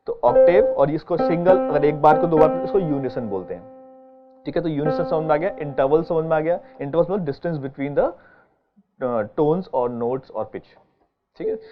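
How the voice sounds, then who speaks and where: Male music teacher, step-by-step explainer, fairly high voice, muffled recording with piano playing. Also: expressive, normal speed. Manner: patient, explaining step by step with frequent check-ins. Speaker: keyboard teacher. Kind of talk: online music lesson. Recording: dull lo-fi sound with keyboard playing behind.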